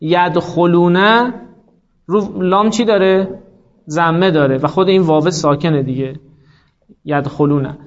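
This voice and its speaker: A man teaching a grammar class, explaining patiently, quizzing his students and drawing out the words he quotes. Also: a little high. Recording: muffled lo-fi classroom recording.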